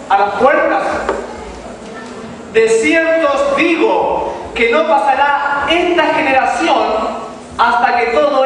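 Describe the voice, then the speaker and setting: A man from Chile delivering a fervent sermon with a strikingly high voice. He stretches out the important words. He is heard from far off in a big church hall with a long reverb and audible background hiss. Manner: fervent preaching, stretching key words slowly. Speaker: preacher. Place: large echoing church hall. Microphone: distant room mic. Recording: echoey hall recorded from far off. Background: room ambience and noise.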